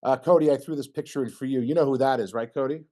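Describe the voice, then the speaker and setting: A man's voice: medium pitch, fast talker, dark tone. A middle-aged man presenting a talk with slides at an engineering meeting, joking and putting questions to the audience. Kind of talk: informal technical talk with slides.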